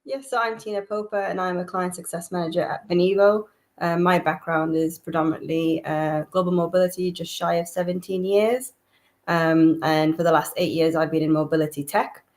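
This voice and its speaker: Brief: woman, lower voice, upbeat, professional. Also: steady tone, moderate pace, a little mellow. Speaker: client success manager, guest. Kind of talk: panel introduction.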